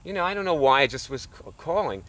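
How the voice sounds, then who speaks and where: A man's voice: on the high side, animated, fast talker, fairly bright tone. A middle-aged man telling a rambling story in a casual lecture, chuckling often and filling his talk with fillers and restarts. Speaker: nonprofit founder teaching alternative healing.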